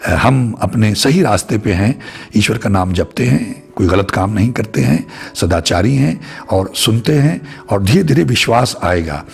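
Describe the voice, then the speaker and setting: A man's voice: lowish voice, lively intonation, normal speed, creaky. A man giving a reflective spiritual talk to his viewers, repeating phrases in long lists. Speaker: spiritual speaker.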